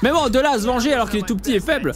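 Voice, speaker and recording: A man's voice: extremely high pitch, very fast. A young man with a French accent reacting to animations in slangy, exclamatory casual commentary. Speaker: reaction video host.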